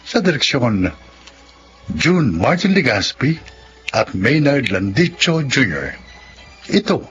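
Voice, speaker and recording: A man's voice: medium pitch, sing-song, slow, a bit bright, lo-fi sound, faint music behind. A man announcing the credits and opening of a radio drama in a formal style. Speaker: announcer and actor.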